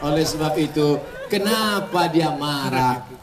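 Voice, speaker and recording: A man preaching a humorous sermon at a mass gathering, joking and swinging between soft asides and loud exclamations. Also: fairly high pitch, lively intonation, unhurried, crowd noise. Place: outdoor stadium. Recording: echoey stadium PA from far off, noisy.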